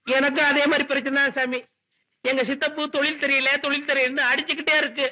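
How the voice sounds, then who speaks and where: A man's voice: extremely high pitch, flat delivery. A man playing a proud, hapless young village barber who talks back cheekily. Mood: cheeky. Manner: quick, cheeky. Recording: dull old film soundtrack.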